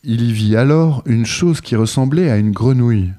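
A man narrating a fairy tale in a steady storytelling manner. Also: medium pitch, normal speed.

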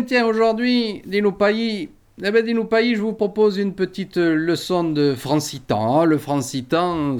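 A man presenting a radio column as a lesson, chatty and animated, with frequent fillers and restarts. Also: mid-range voice, smooth. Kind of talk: explanatory radio chronicle.

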